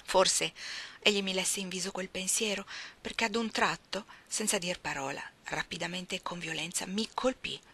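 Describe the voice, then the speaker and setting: A woman narrating a classic novel as an audiobook, expressive, dropping into soft, almost whispered passages. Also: lowish voice, moderate pace, breathy edge. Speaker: audiobook reader.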